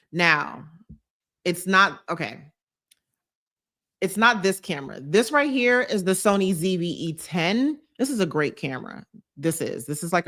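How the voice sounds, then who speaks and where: With a lowish, fairly bright voice, this young New Jersey woman from the United States hosts a YouTube live stream. She works through viewer comments and hammers home her advice by repeating it.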